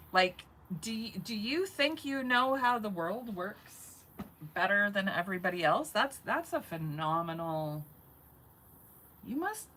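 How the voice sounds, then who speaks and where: A woman's voice: mid-range voice, fairly bright tone, slight background noise, low-quality recording. A woman in her forties talking in a rambling, chatty live-stream monologue, swearing casually and laughing often. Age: 40s. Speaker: vlogger.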